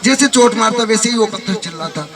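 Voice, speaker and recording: Brief: a male motivational teacher, stern and admonishing, distant mic over a loud crowd. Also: sits high, fast. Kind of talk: motivational speech to students. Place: hall with a student audience. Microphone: microphone.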